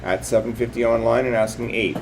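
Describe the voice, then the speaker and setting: A man's voice: medium pitch, steady tone, brisk, slight background noise, poor audio. A man working as a live auctioneer, calling bids and increments in repetitive, clipped patter.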